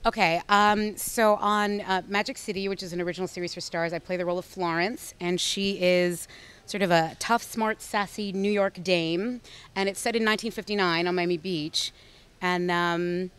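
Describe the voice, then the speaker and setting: A woman's voice: lowish voice, fairly even intonation, moderate pace, a bit bright, smooth. A woman, an actress being interviewed, talking in a bubbly, effusive way and often restarting her sentences. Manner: bubbly, effusive, self-correcting. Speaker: actress guest. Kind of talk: casual interview chat.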